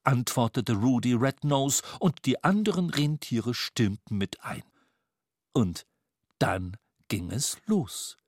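Male storybook narrator, unhurried, animated delivery, dry studio sound. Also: medium pitch, no echo. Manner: lively, expressive reading. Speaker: audiobook narrator.

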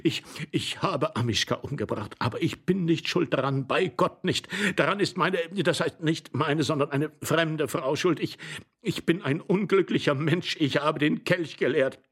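A man's voice: fairly high pitch, moderate pace, a bit bright, breathy edge, voice pushed up. An actor voicing a desperate man who pleads and stammers, his voice breaking into sobs. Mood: pleading.

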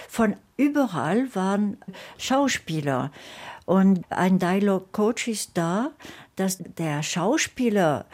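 Slow, calm woman explaining. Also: medium pitch. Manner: calm, explanatory, adds to her husband's answers. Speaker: interview guest, the guest's wife. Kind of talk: radio interview conversation.

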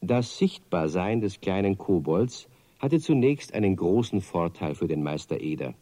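A man narrating a children's radio play with lively, expressive storytelling. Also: low voice, normal speed, no room sound, soft background music.

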